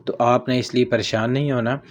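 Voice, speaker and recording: Guy teaching a relaxed lesson, slows way down on phrases, faint hiss behind. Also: mid-range voice. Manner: slows right down to model each phrase, repeats "theek hai ji" often. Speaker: Arabic teacher. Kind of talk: casual spoken-language lesson.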